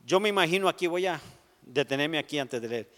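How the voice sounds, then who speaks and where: Man, pastor, sermon, somewhat high voice, rhetorical questions, long church reverb. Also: fairly quick. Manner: animated, rhetorical questions, dramatic tempo swings.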